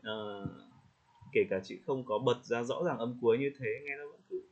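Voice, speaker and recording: A man coaching English pronunciation in casual spoken feedback, friendly, slowing down to demonstrate words and laughing lightly. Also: mid-range voice. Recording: slightly dull lo-fi audio.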